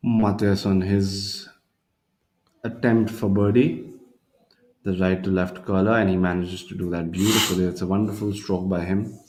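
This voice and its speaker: Low-voiced male golf commentator. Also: steady tone, moderate pace, a little mellow, slight background noise, poor audio.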